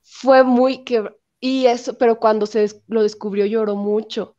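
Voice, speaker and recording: A woman's voice: on the high side, steady tone, unhurried, dark tone, dull audio. A woman, a guest telling a story emphatically and acting out the quotes she repeats. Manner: emphatic, voices quotes expressively. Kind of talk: animated storytelling in interview.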